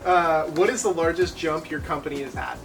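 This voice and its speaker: Higher-pitched man interviewing off-mic, music behind. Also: a little fast, recorded from a distance. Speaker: interviewer reading questions. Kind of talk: casual question-and-answer chat.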